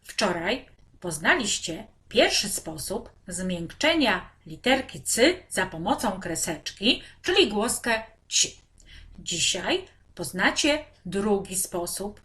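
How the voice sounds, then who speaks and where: A woman teacher giving a reading lesson to young children, articulating syllables slowly and clearly. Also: medium pitch, big pitch swings, fairly bright tone. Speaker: primary school teacher.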